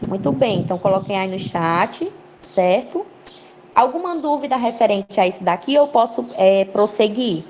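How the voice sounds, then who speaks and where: A woman teaching an online class in a lively, up-and-down voice, checking in with her students over and over. The audio is a bit dull and lo-fi, with a faint hiss underneath. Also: mid-range voice, normal speed. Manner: didactic, checks in with frequent "ok?" and "né?"; lively, rising emphasis on key words.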